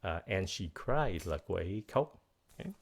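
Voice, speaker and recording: A man teaching English vocabulary in a bilingual lesson, explaining words slowly and repeating pronunciations, switching between English and Vietnamese. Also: low-pitched, big pitch swings. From United States.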